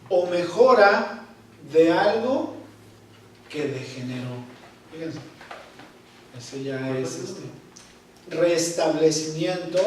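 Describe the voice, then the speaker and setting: Slow-paced man teaching in an echoey church hall. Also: fairly high pitch, distant mic. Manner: slow, repeats key words, checks in with "¿Ok?". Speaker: Bible teacher. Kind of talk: Bible study class.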